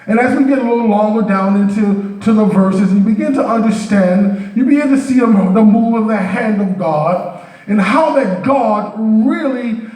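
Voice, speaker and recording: A man preaching a sermon as a deacon, moving from calm teaching to shouted, half-sung cries and slowly stretched phrases. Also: high voice. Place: church sanctuary with congregation. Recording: echoey church from far off, with faint music and crowd.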